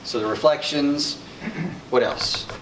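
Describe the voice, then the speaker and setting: A man's voice: mid-range voice, takes it slowly. A middle-aged man with an Arkansas accent leads a conference workshop, talking conversationally and putting questions to his audience. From Arkansas, United States. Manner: conversational, asks and echoes back answers. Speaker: instructor presenting at a conference. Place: conference room, behind faint room noise. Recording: roomy, distant mic, faint noise.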